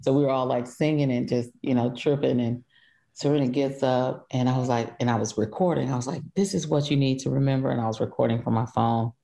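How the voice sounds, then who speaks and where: A woman's voice: rumbling low, steady tone, brisk, vocal fry, dark tone. A woman guest telling a rambling family story with laughs and many fillers. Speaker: guest, older sister. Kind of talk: casual storytelling.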